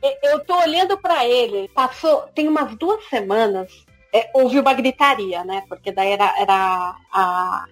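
A Brazilian woman co-hosting a podcast, telling stories about her cats in an animated, casual way. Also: fairly high pitch, a little slow, faint music behind. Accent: Brazilian Portuguese. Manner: animated storytelling.

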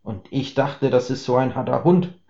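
A man's voice: medium pitch, moderate pace, vocal fry, warm tone, lightly acted. A man doing a laid-back chatty neighbor. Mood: easygoing. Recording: roomy, slightly dull recording.

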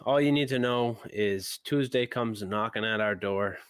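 A man co-hosting a podcast, chatting about sports in a teasing way, with quick bursts and repeated words. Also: fairly low pitch, clear, resonant tone, dry recording. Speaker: podcast co-host. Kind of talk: casual sports chat.

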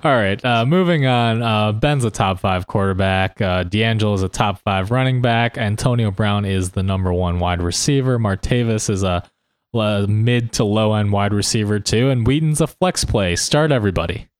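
A man's voice: on the low side, normal speed, smooth, no room sound. A man co-hosting a sports podcast on a close mic, chatting casually and a little hesitantly. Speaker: podcast co-host. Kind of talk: casual sports podcast chat about fantasy football.

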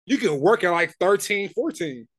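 A man's voice: high voice, sing-song, moderate pace, fairly bright tone, no room sound. A man in his twenties co-hosting a podcast in casual chat. He talks in a laid-back, slangy way and restarts his sentences often. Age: 20s. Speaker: podcast co-host.

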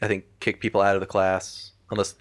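A man's voice: deep voice, monotone, fairly quick. A man in casual podcast chat, summarizing a plot in a dry, matter-of-fact way.

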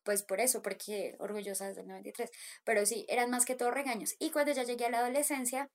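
A woman in her thirties with a Colombian accent, casually telling childhood stories with an animated manner. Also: fairly high pitch, quick pace. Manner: animated, acts out voices in quotes, laughs often. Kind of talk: casual storytelling chat.

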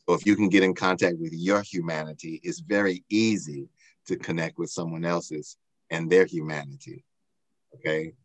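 An older man talking slowly with many fillers, heard over a glitchy video call as an interview guest. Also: low voice, dry recording. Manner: slow and halting, with many fillers. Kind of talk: reflective interview talk.

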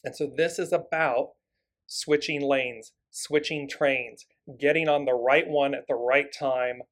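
A man hosting a live spiritual talk, excited and fast, stacking up repeated phrases as he greets viewers. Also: mid-range voice. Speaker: spiritual teacher and host.

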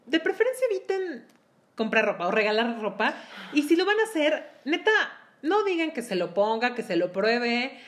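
A woman co-hosting a casual group conversation, laughing often and talking in an animated way. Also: fairly high pitch, normal speed.

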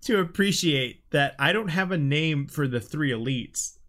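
Animated young man reading his old script. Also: on the high side, measured pace. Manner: laughing, swearing, animated. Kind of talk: casual chat and script reading.

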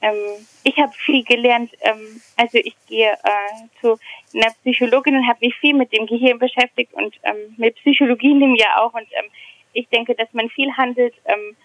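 A woman's voice: fairly high pitch, fairly bright tone, no room sound, low-quality recording. A woman in her thirties talking candidly as a podcast guest, hesitant and reflective, with many fillers. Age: 30s. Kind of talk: candid personal conversation.

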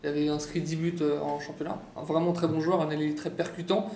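A man's voice: on the high side, level tone, quick pace, a little mellow, echoey room, slight background noise. A man giving his football opinions on a panel, hesitant and full of fillers and restarts. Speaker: football pundit. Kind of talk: casual panel chat.

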